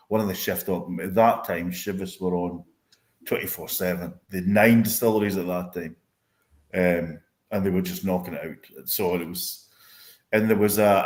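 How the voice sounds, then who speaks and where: A man in his fifties with a deep voice and a Doric north-east Scottish accent. He reminisces in a loose, casual way, dropping in dialect words. The sound is roomy and echoing. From north-east Scotland. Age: 50s. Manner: rambling, peppers talk with dialect words. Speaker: interview guest, whisky industry veteran.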